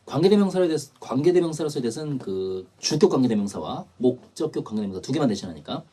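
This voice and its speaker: A man's voice: medium pitch, big pitch swings, fast, mellow, husky. A man teaching an English test prep lecture, explaining grammar and repeating key terms.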